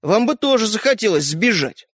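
A man voicing a tiny, boastful and sly living toy boy in a storybook, cheeky and excitable. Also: sits high, normal speed, slightly rough, no echo, clean studio sound, voice pushed up, full character voice.

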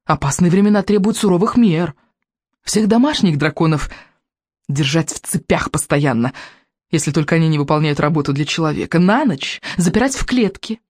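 A man's voice: on the high side, lively intonation, normal speed, darkish tone, dry recording, clean studio sound. A man voicing a treacherous one-eyed villain king in an audiobook, with a sugary, gloating, mocking way of speaking. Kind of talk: audiobook character voice.

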